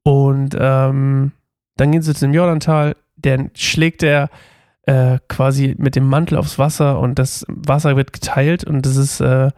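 A man's voice: medium pitch, level tone, unhurried, darkish tone, dry recording, clean studio sound. A man reading a Bible passage aloud and then commenting on it in a loose, casual way, with small slips and restarts. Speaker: Bible reading podcast host.

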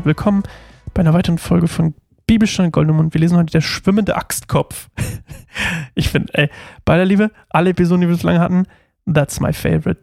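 Chatty gravelly young man hosting Bible study. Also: a little high, darkish tone, no echo, studio quality. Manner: chatty, self-mocking, rambling with fillers. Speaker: podcast host reading and explaining the Bible. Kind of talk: casual Bible study podcast.

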